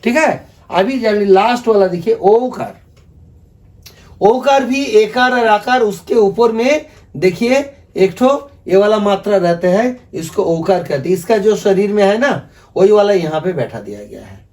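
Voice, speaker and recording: A man with a fairly high voice teaches a language lesson, his first language being Bengali. He explains slowly and patiently, going over each point more than once. Every so often he asks his listeners to say the sounds along with him. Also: expressive, darkish tone. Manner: patient, repetitive explaining, asks viewers to repeat after him. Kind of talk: video lesson explaining script.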